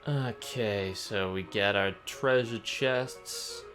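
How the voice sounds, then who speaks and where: A man's voice: fairly low pitch, slow pace, a bit bright. A man giving conversational live commentary as a game streamer, with a touch of mock drama. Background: game music.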